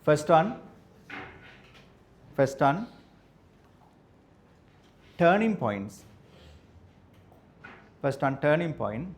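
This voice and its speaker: A man's voice: a little high, big pitch swings. Sri man dictating maths notes. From Sri Lanka. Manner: repeats phrases slowly for note-taking, spells words out. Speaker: maths teacher. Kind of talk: classroom lecture dictating notes.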